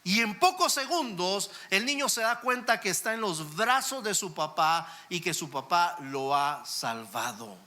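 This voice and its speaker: A man's voice: high-pitched, big pitch swings, a little slow, few pauses, sharp tone. A male pastor preaching a sermon in a conversational way, speaking straight to listeners and asking rhetorical questions.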